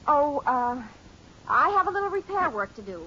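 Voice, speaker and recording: Brisk high-voiced radio sitcom mom. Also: female voice, sing-song, bright, forceful tone, exaggerated voice. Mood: flustered. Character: brisk, practical suburban mother, easily exasperated. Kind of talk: 1950s radio sitcom acting. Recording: muffled, noisy old 1950s radio recording.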